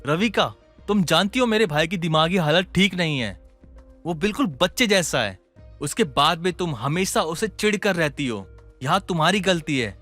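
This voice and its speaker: A man's voice: fairly high pitch, lively intonation, moderate pace, fairly bright tone. A man voicing a firm, reproachful husband who defends his brother. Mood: stern. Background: background music.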